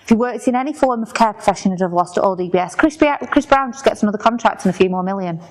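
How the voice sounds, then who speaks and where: A woman, co-hosting a podcast, blunt and opinionated and quick to laugh. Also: medium pitch, a little mellow. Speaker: podcast co-host. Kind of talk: casual chat.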